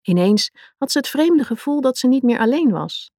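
A woman reading a children's fairy tale aloud in a lively, expressive storytelling manner. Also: sits high, normal speed, no room sound. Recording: dry close recording.

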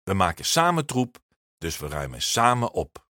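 A man reads the part of a patient but firm schoolteacher who raises his voice over a noisy class, with a lively, swinging delivery. The recording is close and dry. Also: sits low, normal speed, dry recording, exaggerated voice. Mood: calm. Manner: calls out loudly to the class. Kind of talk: storybook reading.

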